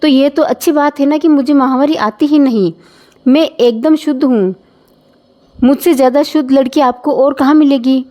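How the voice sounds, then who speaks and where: A woman voicing a calm young working wife who argues her point patiently, in a storybook reading. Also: high-pitched, normal speed, natural voice. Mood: reasoning. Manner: calm, reasoning.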